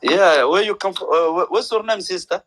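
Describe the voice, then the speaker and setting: A man from Somalia chatting on a video call, speaking halting, broken English and repeating his words. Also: sits high, a bit bright. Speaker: video chat caller. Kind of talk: casual video chat with strangers.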